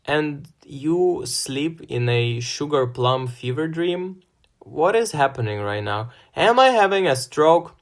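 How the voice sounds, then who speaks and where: List: sarcastic teen boy, as a man reads him, flat then panicky, raised voice, slow, gravelly. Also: fairly high pitch, voice pushed up.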